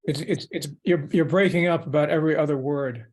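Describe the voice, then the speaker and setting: A man's voice: on the high side, fairly even intonation, a little fast, darkish tone. A man joining a meeting remotely over a group video call, repeating his words as he starts to speak.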